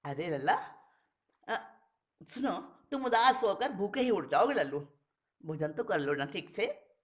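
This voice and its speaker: A woman's voice: mid-range voice, expressive, unhurried, natural voice. A woman doing a doting sister-in-law. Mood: fond. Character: loving sister-in-law, motherly, affectionate.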